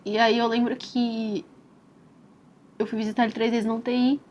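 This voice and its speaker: A young Brazilian woman tells her own story as a mother in a soft, tender and reflective way, often adding "né?" and "assim". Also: fairly high pitch, level tone, normal speed. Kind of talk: personal testimonial storytelling. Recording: slightly dull recording with faint hiss.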